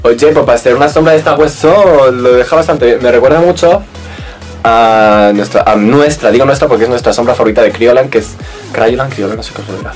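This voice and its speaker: A man's voice: mid-range voice, a little fast, faint music behind. A man with a Spanish accent from Spain, chatting playfully and exclamatorily as a makeup vlogger unboxing a palette. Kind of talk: casual unboxing chat.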